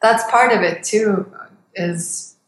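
A woman's voice: mid-range voice, slow, crowd noise. Woman in her twenties, roomy sound. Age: 20s. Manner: laughs often, hesitant and thoughtful. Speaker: guest. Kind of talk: casual conversation. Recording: roomy with faint ambient noise.

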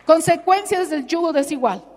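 High-voiced woman preaching in a hall. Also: normal speed, darkish tone. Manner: emphatic, rhetorical questions, acts out dialogues. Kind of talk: sermon. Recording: long hall reverb with faint music.

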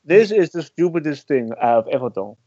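A man's voice: a little high, lively intonation, moderate pace, dark tone, dry recording. A man hosting a comic podcast, wry and fond of mock-formal linking phrases. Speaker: podcast host. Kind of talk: casual comic podcast chat. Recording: dry, dull lo-fi recording.

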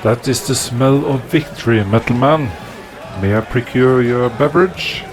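An actor playing a huge, proud Viking fighter with a dopey cartoon bellow and grand old-fashioned courtesy. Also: male voice, medium pitch, moderate pace, music in the background, natural voice, poor audio. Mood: hearty, grand. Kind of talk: comedic sci-fi audio drama acting.

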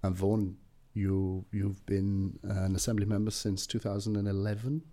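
A man hosting a podcast who reads a brisk introduction and asks questions with a few restarts. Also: fairly low pitch, level tone, mellow, a little hiss or hum. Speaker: podcast host. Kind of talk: scripted introduction and interview questions.

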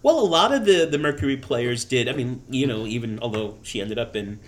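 A man's voice: medium pitch, animated, fairly quick. A man in casual conversation with friends, rambling through his thoughts and often restarting his sentences. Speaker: film discussion panelist. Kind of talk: casual film discussion.

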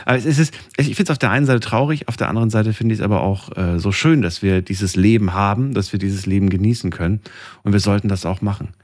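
A man's voice: lowish voice, fast talker, no room sound, studio quality. A man hosting a casual talk, musing thoughtfully and steering the conversation. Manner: reflective, animated talker who leads the conversation. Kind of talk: casual chat.

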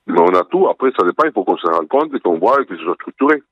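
A restaurant owner talking on the phone in a direct, businesslike way. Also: male voice, lowish voice, sing-song, fast, no echo. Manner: direct, businesslike, repeats himself. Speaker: restaurant owner answering a call. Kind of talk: phone conversation. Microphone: telephone. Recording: muffled dry phone line.

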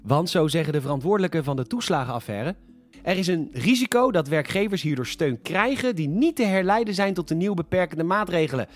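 A man hosting a scripted satirical news show, delivering sarcastic, mock-indignant commentary that sometimes bursts into shouting. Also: fairly high pitch, animated, brisk, faint music behind.

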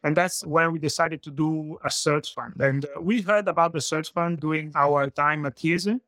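An Italian man in his forties, a search fund entrepreneur, tells his story as a guest in a conversational interview, loosely and with plenty of "like" and non-native grammar. His slightly high, a bit bright voice is steady and moderately paced, recorded at studio quality with no echo.

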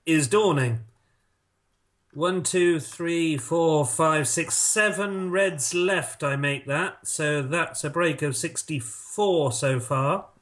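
A man doing snooker commentary in a measured, shot-by-shot way, mixed with casual banter and dry, laddish humour. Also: fairly high pitch, a bit bright.

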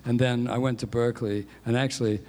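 This interview guest is a music industry executive in his sixties who was born in England and grew up in New Zealand. He talks briskly and self-deprecatingly about his career at a medium pitch, with fairly even intonation and a darkish tone. The room sounds big.

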